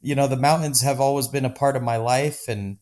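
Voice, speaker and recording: A man's voice: mid-range voice, fairly even intonation, brisk, darkish tone. A man from Denver, a podcast guest, talking casually and enthusiastically with many restarts. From Denver, Colorado. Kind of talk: casual conversation.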